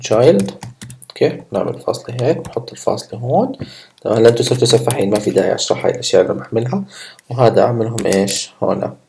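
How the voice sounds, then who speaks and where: Man, casual coding tutorial, raspy voice, keyboard clatter behind. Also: fairly low pitch, expressive, racing, a little mellow, a little hiss or hum. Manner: chatty, talks to viewers while typing code. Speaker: programming instructor. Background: keyboard typing.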